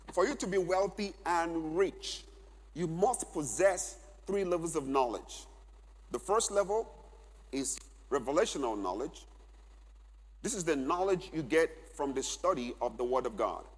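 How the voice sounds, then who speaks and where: A man's voice: a little high, animated, normal speed, husky. A middle-aged man giving an emphatic teaching at a church men's conference, repeating key phrases so listeners can take notes. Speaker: conference speaker. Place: large church hall. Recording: long hall reverb.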